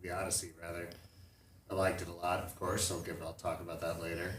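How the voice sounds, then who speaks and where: A man with a low voice describes his week on a podcast, halting and restarting as he hunts for the right word. The sound is roomy and echoey, with a faint wash of background noise. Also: little pitch movement, fairly bright tone. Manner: hesitant, full of restarts and fillers. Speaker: podcast co-host. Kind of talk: casual chat.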